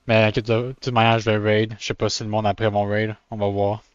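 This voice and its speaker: Québécois man, casual stream chat, smooth voice, slightly muffled dry sound. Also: lowish voice, little pitch movement, a little fast, dry recording. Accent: Québécois French. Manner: stammers and restarts, mixes in English words. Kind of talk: casual live-stream chat while drawing.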